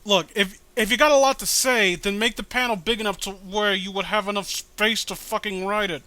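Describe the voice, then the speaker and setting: A man co-hosts a casual read-along of a webcomic, riffing in a rambling, exasperated way and swearing often. His voice is high, steady, brisk and sharp, with no echo.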